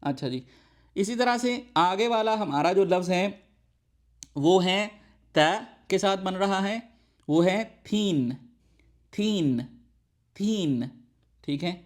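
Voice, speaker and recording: A man teaching Arabic sounds in a recorded lesson, patiently demonstrating each sound and checking in with the learner. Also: sits high. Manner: slowly demonstrates sounds, repeating them aloud.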